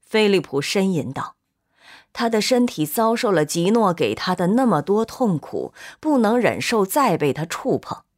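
A woman narrating an audiobook in a measured, steady reading voice. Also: medium pitch.

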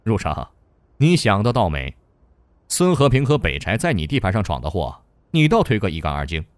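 A man voicing a stern, sarcastic male provincial governor who scolds in a sharp tone. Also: lowish voice, very animated, moderate pace, no echo, clean studio sound, pitched below the performer's own voice. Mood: scolding.

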